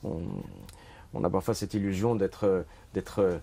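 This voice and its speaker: Hesitant, mellow-voiced man from Switzerland. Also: deep voice, fairly even intonation, normal speed. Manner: hesitant, many fillers and restarts. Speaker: author presenting his book. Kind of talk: bookshop talk. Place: bookshop.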